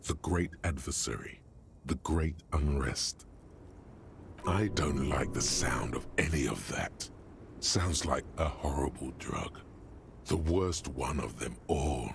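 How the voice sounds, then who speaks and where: A grave, gravelly game narrator. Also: male voice, noisy background, heavily acted. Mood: dry. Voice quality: deep gravelly voice. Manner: dry, measured delivery. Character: omniscient inner narrator voice, grave.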